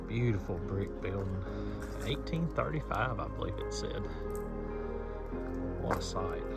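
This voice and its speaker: A man's voice: fairly low pitch, vocal fry. A man with a Southern US accent, narrating his road trip in a folksy, easygoing way. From Southern United States. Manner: folksy and easygoing, says y'all. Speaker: travel vlogger. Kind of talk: casual travel narration. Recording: dull lo-fi sound with loud music.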